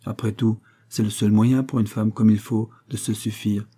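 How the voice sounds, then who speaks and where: Guy doing a snooty cheapskate aunt voice in an audiobook, bossy and preachy, jumps up high, low husky tone underneath. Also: little pitch movement, normal speed, warm tone. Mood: haughty. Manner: haughty and scolding, with sudden rises in pitch. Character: vain, stingy, pompous middle-aged widowed aunt.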